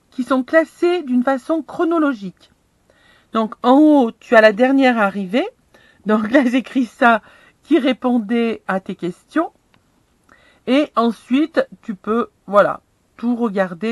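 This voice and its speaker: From her camper van, a middle-aged vlogger takes viewers through a screen step by step, keeping things casual, talkative, and self-mocking. Her voice is on the high side, and there's no echo.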